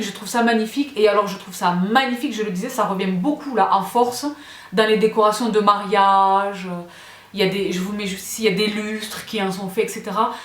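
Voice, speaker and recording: Chatty woman in a roomy studio. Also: medium pitch. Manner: chatty, gushing, often checks in with viewers. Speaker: home decor vlogger. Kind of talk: casual show-and-tell vlog. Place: her home studio. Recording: roomy echo.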